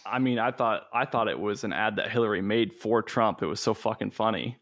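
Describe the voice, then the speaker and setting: A man's voice: on the low side, a little fast, fairly bright tone. A man talking as a podcast guest, telling crude stories in a loose, laughing way. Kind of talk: casual comedic podcast chat.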